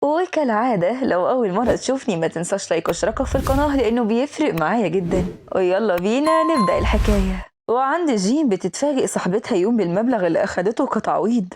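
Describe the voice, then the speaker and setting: A woman's voice: rapid-fire, few pauses, noisy background. A woman with an Egyptian Arabic accent narrating a drama recap, acting out the dialogue with shifting voices. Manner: lively, voices characters with pitch shifts. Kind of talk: storytelling recap with acted dialogue.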